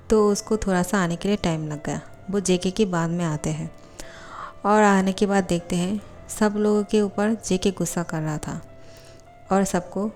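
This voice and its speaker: Brief: female storyteller, fairly low voice, even retelling, faint music bed. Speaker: story narrator. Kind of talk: storytelling narration of fan fiction. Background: faint background music.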